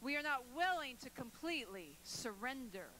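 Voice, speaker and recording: A woman pastor delivers a sermon in a very high, bright voice. Her preaching is emphatic and builds to forceful, declarative calls. Faint noise hums beneath the recording. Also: sing-song, moderate pace, low-quality recording.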